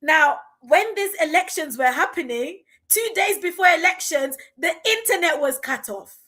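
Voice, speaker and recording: Woman, 40s, high voice, podcast guest on an impassioned, indignant rant. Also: lively intonation, normal speed, sharp tone. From Uganda. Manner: passionate, indignant, emphatic.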